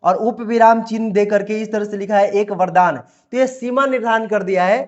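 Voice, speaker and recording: A man teaches grammar to students. He explains patiently, repeating each point and drawing out his example sentences slowly word by word. The recording is dull and lo-fi. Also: high voice, steady tone. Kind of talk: classroom lesson explanation.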